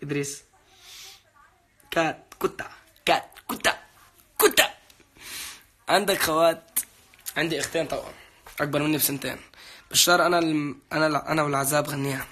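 Bright-voiced young man chatting on a livestream. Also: a little high, fairly even intonation, fast talker, long pauses. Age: young adult. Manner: chatty and playful, reads out fan names and thanks them. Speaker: livestream host answering viewer comments. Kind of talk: casual live chat.

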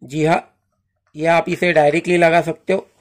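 Male host, high voice, casual how-to demo. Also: little pitch movement, moderate pace. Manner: friendly instructional, repeats "जी हाँ दोस्तों". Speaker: channel host demonstrating a car washer.

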